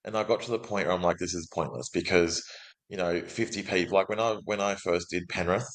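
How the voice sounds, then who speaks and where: A man's voice: deep voice, fairly even intonation, a little fast, poor audio. An outgoing Australian man talking casually as a guest in an interview, with lots of restarts. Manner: chatty, outgoing, frequent restarts and acted quotes. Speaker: guest, business development manager.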